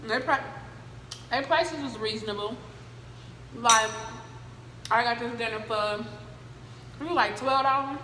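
A woman's voice: a little high, a little slow, pauses often, bright, forceful tone, a little hiss or hum. A woman vlogger chatting casually at home while chewing her food through her words. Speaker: mukbang vlogger. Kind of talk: casual eating show chat. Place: at home, indoors. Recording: echoey room with long reverb.

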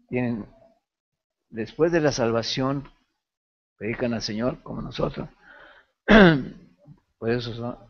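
A man teaching a pastoral ethics class, telling a lively story from his own past with laughter. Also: mid-range voice, dull audio. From Mexico. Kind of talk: sermon-style lecture.

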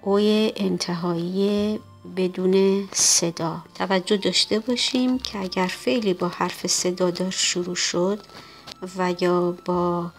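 Woman teacher going over french verbs slow then translating, bit of fry in her voice, soft music under it. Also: on the low side, steady tone. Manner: explains step by step, reading French words slowly then translating. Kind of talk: recorded language lesson.

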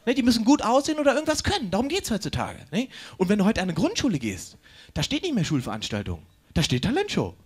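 A man doing a stand-up routine on stage, brash and mocking, with quick asides to the crowd. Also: sits high, wildly swooping pitch, husky. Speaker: stand-up comedian. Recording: live stage with faint background noise.

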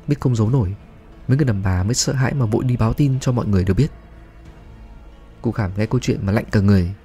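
A man reading a horror story aloud as narrator, in a measured, grave way. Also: mid-range voice, gravelly, warm tone. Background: faint music.

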